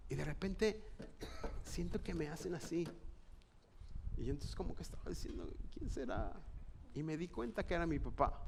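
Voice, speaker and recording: High-voiced Mexican pastor preaching. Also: male voice. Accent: Mexican Spanish. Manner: earnest, conversational storyteller. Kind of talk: sermon with personal storytelling. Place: church auditorium.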